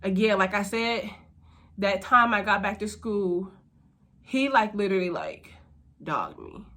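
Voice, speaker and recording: A woman's voice: mid-range voice, measured pace, bright, forceful tone. A young adult woman hosting her own channel, telling a personal faith testimony in an earnest, conversational way, speaking to viewers directly as y'all. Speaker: host.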